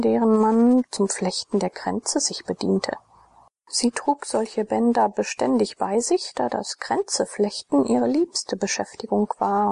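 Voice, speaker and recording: Woman narrating in a gravelly half-whisper. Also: mid-range voice, no room sound. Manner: soft, slow, half-whispered storytelling. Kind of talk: whispered audiobook reading.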